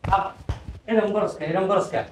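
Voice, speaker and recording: A man's voice: high-pitched, normal speed, roomy sound, slight background noise, close to an everyday voice, rough recording. A man playing a stern, scolding old father-in-law. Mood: angry. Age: older. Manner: scolding, commanding, hushes. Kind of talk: web drama acting.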